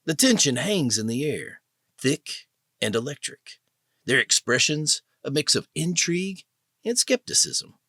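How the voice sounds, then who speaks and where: A man narrating an audio drama with dramatic, expressive storytelling. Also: on the high side, measured pace, no echo, clean studio sound. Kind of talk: scripted narration.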